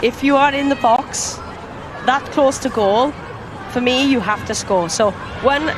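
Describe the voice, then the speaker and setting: A woman's voice: sits high, a little slow. A woman giving conversational, matter-of-fact match analysis as a football co-commentator. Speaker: co-commentator, pundit. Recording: commentary over very loud crowd noise. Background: loud stadium crowd.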